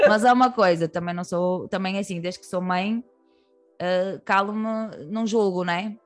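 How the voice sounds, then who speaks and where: A woman's voice: mid-range voice, normal speed, faint music behind. A woman with a European Portuguese accent, a comedian talking candidly as a guest, rambling through many fillers and restarts. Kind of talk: candid podcast conversation.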